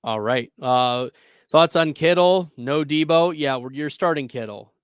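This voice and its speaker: A man's voice: a little high, measured pace, smooth, no echo, clean studio sound. Chatty man giving fantasy football picks. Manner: chatty, upbeat, laughs easily. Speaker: fantasy football show host. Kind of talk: casual sports advice chat.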